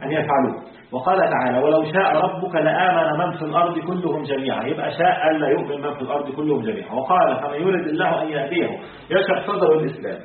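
This is a creed lesson from a sheikh whose voice sits on the high side. His delivery is brisk, with questions to the class and casual colloquial asides, and it turns measured and deliberate during recitation of the text. The sound is distant and phone-like, with strong hall echo.

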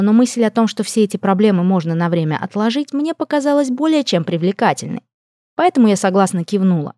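Woman narrator, first-person audiobook, expressive, mellow tone, dry close sound. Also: mid-range voice, dry recording.

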